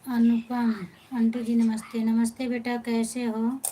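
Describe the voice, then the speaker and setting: A woman's voice: fairly high pitch, monotone, unhurried, mellow, rough recording. A woman from of that region, hosting a live stream and patiently greeting viewers by name while answering their comments. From Pratapgarh, Uttar Pradesh, India. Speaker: live-stream host and folk singer. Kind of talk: casual live-stream chat, reading viewer comments aloud.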